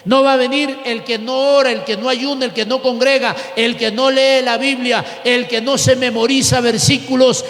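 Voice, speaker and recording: A man with an Ecuadorian accent preaching a fervent sermon in a church hall, often shouting and then dropping soft. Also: very high-pitched, level tone, normal speed, few pauses. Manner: fervent, shouting, swings between loud and soft. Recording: echoey hall with long reverb.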